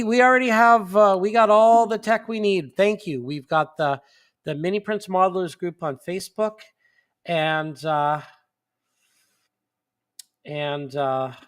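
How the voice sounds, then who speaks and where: A man runs his monthly live stream from what sounds like a desk at home, chatting casually, slowly and loosely, rambling with lots of fillers and restarts. He sounds sniffly, and his voice is a little high for a man.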